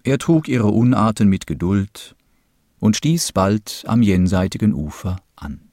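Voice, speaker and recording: A man narrating a fairy tale in a slow, measured, expressive reading. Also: fairly low pitch, no room sound, clean studio sound. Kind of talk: storybook narration.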